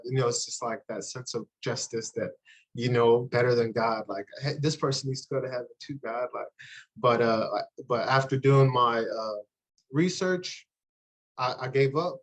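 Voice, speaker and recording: A man in his thirties from Uganda, a youth pastor speaking earnestly and haltingly in a podcast interview. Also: mid-range voice, low-quality recording. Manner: earnest, halting, with frequent restarts.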